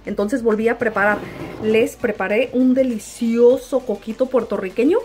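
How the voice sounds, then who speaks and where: A young woman talks casually to her phone camera, chatty and warm in tone, her voice sitting a little high. She slips English words into her talk now and then. Faint music plays underneath. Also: steady tone, normal speed. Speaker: vlogger. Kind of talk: casual vlog chat. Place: Tucson, Arizona.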